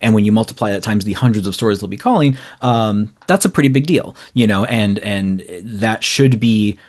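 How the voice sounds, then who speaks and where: A man's voice: on the low side, normal speed, darkish tone. A man giving casual, explanatory interview answers in long, rambling, informal runs as a guest. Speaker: interview guest, small indie publisher.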